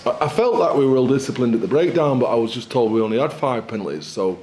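A man in his forties, a rugby head coach answering post-match questions at a press conference in a candid, measured, upbeat way. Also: medium pitch, lively intonation, darkish tone. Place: small indoor press room in front of a sponsor backdrop.

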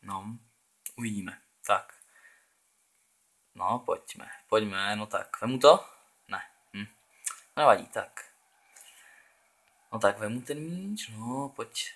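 A man's voice: on the low side, expressive, pauses often, a bit bright. A young man from the Czech Republic giving casual, chatty commentary while playing a football video game, thinking aloud and urging on his players. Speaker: gaming channel host.

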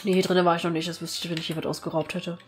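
A woman's voice: lowish voice, level tone, racing, faint music behind. A woman commentating casually on her role-playing gameplay, crude, joking and full of slang. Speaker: let's play gamer.

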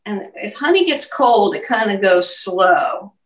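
A woman's voice: mid-range voice, very animated, a little slow. An older woman hosting a casual home cooking demonstration, explaining each step aloud as she works. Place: home kitchen, indoors. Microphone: camera mic at a distance. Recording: echoey kitchen, distant mic.

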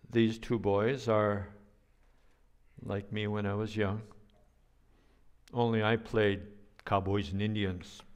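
An older man preaching a sermon as a pastor, speaking in a slow, deliberate way, with playful sound effects now and then. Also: on the low side, clear, resonant tone.

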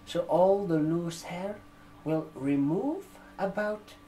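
Keys clatter on a computer keyboard as a man in his twenties, with a non-native English accent, plays a barber shop receptionist for ASMR. He sits at a desk with a laptop in an indoor room, his high-pitched voice over slight background noise. His delivery is gentle, halting and drawn out, with check-in questions along the way.

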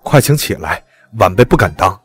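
A woman voicing an earnest young male nobleman official in a storybook reading, speaking low, soft and sincere. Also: sing-song, moderate pace, slightly rough, exaggerated voice. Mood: alarmed.

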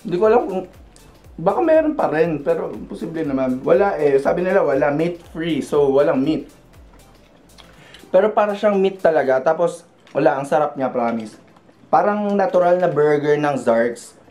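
Young Filipino-accented man, mouth full, chewing while he chats eagerly, mellow tone, soft music behind. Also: fairly high pitch, animated, brisk. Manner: enthusiastic, repeats himself. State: chewing food while talking. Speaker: food vlogger. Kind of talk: casual food review vlog.

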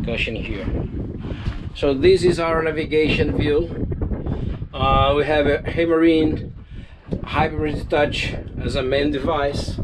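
In a noisy setting, a man with a fairly high voice and a Brazilian Portuguese accent walks viewers through his sailing catamaran, both on deck and in the cabin, holding an action camera. English is not his native language, and he speaks slowly and haltingly, proudly showing each item and listing its features.

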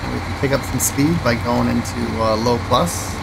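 A man's voice: mid-range voice, fairly even intonation, moderate pace, creaky, very noisy. A man casually commenting on his driving game as he plays, thinking aloud and rambling between choices. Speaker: gaming channel host.

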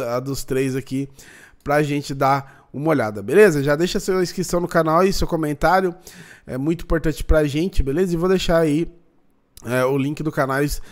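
A man in his thirties with a Brazilian accent chatting casually as a reaction video host. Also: mid-range voice. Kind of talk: casual chat. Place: small indoor room, webcam setup.

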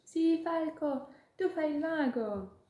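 A woman voicing an excitable, affectionate little female ladybug in a storybook tale, squealing with excitement. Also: high voice, slow pace, lo-fi sound, voice pushed up. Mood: eager. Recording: echoey room.

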